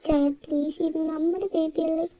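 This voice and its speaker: Figure: young pregnant wife, played by a woman. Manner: soft-spoken, insistent. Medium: fan audio drama. Pitch: very high. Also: little pitch movement, normal speed. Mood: pleading softly.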